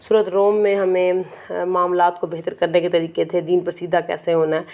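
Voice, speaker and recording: A woman's voice: fairly low pitch, little pitch movement, normal speed, narrow, tinny audio. A middle-aged woman giving an earnest religious lecture, exhorting listeners and asking rhetorical questions. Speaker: Quran lecturer.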